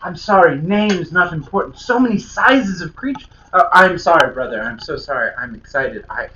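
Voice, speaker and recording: A man's voice: a little high, animated, normal speed, sharp tone, a little hiss or hum. Man doing a flustered young dragonborn smith. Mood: excited. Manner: eager, flustered, apologetic. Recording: echoey lo-fi room.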